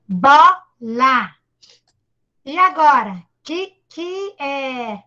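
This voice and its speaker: Brazilian female teacher, high-pitched, patient and encouraging, syllable-by-syllable reading lesson, muffled video-call sound. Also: animated, moderate pace, sharp tone. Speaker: primary school teacher. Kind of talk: online literacy lesson for a child. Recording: dull lo-fi video call audio.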